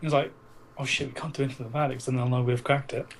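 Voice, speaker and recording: Talking films on a podcast, this male co-host races along in a medium-pitched, flat voice with vocal fry. He's casual and blunt and swears a lot, captured in a noisy amateur recording.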